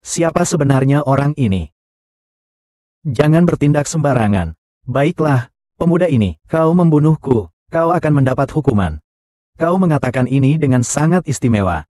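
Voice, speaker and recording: A man dubbing every role in one even voice. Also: mid-range voice, no echo, studio quality, close to an everyday voice. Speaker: dub voice for all roles. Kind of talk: dubbed short drama dialogue.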